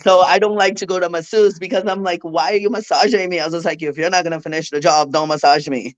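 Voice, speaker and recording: A Brazilian woman, a figure bodybuilder, is a guest in a casual interview, speaking candidly in a Brazilian Portuguese accent and laughing often. Her voice is lowish and fairly even in intonation, and she talks fast. The audio sounds dull.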